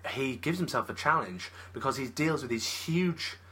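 A man's voice: mid-range voice, normal speed, pushed and bright, slightly rough. A man co-hosting a film podcast, talking eagerly and thinking aloud in casual chat. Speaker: podcast co-host, film reviewer.

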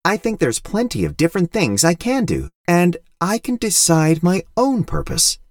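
A man voicing a small, cheerful male robot who talks in a gentle, thoughtful way, a little higher than his own voice. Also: dry recording, clean studio sound.

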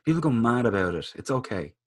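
A man's voice: medium pitch, big pitch swings, fast talker, dry recording, clean studio sound. A man co-hosting a podcast, chatting casually and rambling with opinions and fillers. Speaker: podcast co-host. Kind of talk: casual chat.

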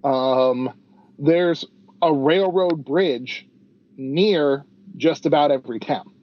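A man co-hosting a podcast, chatting casually and rambling with lots of fillers. His voice comes through a dull, lo-fi backup recording because the main audio dropped out, so it sounds like a low quality stream. He speaks a bit high for a man. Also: slow pace. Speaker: podcast co-host.

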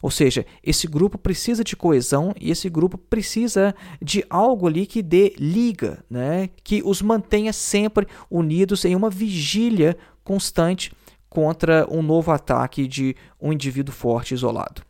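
A man's voice: on the high side, a little slow, darkish tone. A man explaining philosophy in a lecture, thinking aloud with many fillers and tag questions. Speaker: teacher.

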